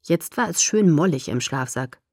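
A woman reading a novel aloud as first-person narrator, expressive and steady. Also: sits low, moderate pace, breathy edge, dry recording, studio quality. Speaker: audiobook narrator.

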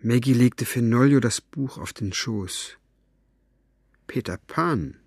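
A man reading a story aloud as narrator, with a lively, varied delivery. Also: medium pitch, slow pace, husky, no echo, studio quality. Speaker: audiobook narrator. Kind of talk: expressive audiobook reading.

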